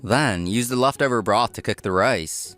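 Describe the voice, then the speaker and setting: A man's voice: fairly low pitch, normal speed, fairly bright tone, faint music behind. A man reading scripted first-person narration with acted dialogue as a dry restaurant owner in a comic dub. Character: dry, workaholic young male restaurant owner.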